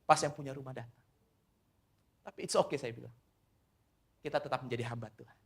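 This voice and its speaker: A middle-aged man preaching a sermon as pastor, swinging between loud emphatic lines and quiet asides, often calling the listeners "saudara". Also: medium pitch, fairly even intonation, fairly quick, creaky, husky.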